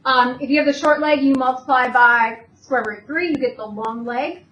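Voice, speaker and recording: A woman with a high voice teaches a math lesson at a moderate pace, explaining step by step and answering her own questions. The classroom recording sounds distant and dull, in an echoey room with faint noise.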